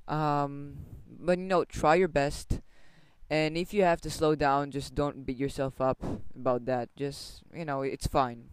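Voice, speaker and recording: A young man co-hosting a casual podcast, giving relaxed, reassuring advice with lots of fillers. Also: on the high side, unhurried, clean tone, dry recording. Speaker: podcast co-host. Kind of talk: casual chat.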